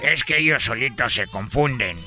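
A man's voice: expressive, moderate pace, vocal fry, bright, forceful tone, faint music behind, full character voice. A man voicing a cheeky, boastful immigrant vendor with a put-on Chinese accent, rambling through jokey stories. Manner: jokey, rambling storytelling with playful squeaky voices. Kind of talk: comedy sketch in character.

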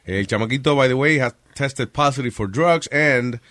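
A man's voice: mid-range voice, a little slow, a bit bright, no room sound, clean studio sound. A man hosting a talk show, reading odd news stories in casual banter and switching between Spanish and English mid-sentence with offhand, wisecracking remarks.

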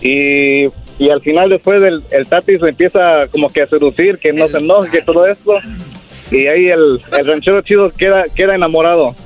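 A man calling in to a radio show, talking haltingly and repeating words as he makes his request. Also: on the high side, narrow, tinny audio, faint music behind. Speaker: caller. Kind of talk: casual phone call.

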